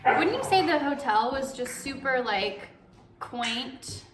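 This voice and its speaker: A woman's voice: high-pitched, lively intonation, slow pace, background noise. A woman in her twenties hosting a casual question-and-answer chat, talking chattily with lots of "like". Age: 20s. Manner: chatty, uses like often. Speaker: vlog host answering viewer questions. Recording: roomy echo, distant mic, music behind. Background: background music.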